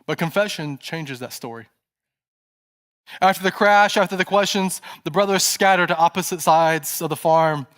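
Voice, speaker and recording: In church, a male pastor preaches a sermon built around a story, lowering his voice to a soft hush at tense moments. His voice is on the high side, and he speaks at a moderate pace.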